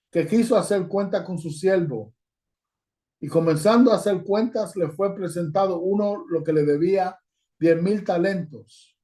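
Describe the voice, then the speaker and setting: High-voiced mellow man preaching a sermon. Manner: reads Bible passages aloud and addresses listeners as brothers. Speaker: guest preacher. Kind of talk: sermon with scripture reading. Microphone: video call.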